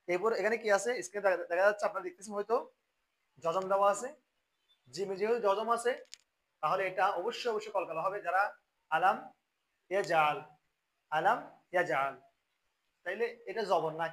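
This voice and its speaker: A Quran recitation teacher with a high-pitched voice and a Bangladeshi Bengali accent. He explains each pronunciation rule in plain talk, then stretches the verses out slowly and with more force. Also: fairly bright tone, low-quality recording.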